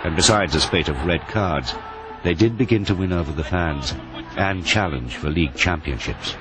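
A man reading scripted documentary narration in a measured, even delivery. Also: deep voice. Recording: voice-over with music beneath.

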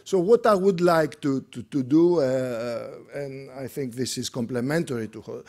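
A middle-aged Greek man with a Greek accent gives an unscripted lecture in a conference room, his voice medium-pitched and darkish at a moderate pace. He sounds hesitant, with lots of fillers and restarts.

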